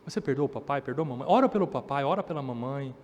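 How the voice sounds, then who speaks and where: A man's voice: medium pitch, animated, very fast, a little mellow, slight background noise. A man preaching a sermon in a church, building up emphasis and acting out voices of children and parents. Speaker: pastor. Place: church hall. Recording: long church reverb.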